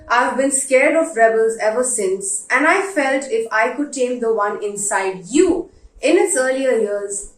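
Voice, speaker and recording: A woman reads literary letters aloud at a very slow, deliberate pace, pausing for emphasis. Her voice sits fairly high. The recording is roomy and echoey, with her some distance from the microphone. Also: a bit bright. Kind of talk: slow dramatic literary reading.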